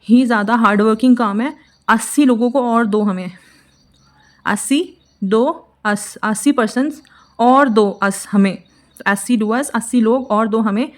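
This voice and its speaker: A woman teaching vocabulary in casual Hindi mixed with English, explaining memory tricks step by step and slowing down on key words. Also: a little high, darkish tone.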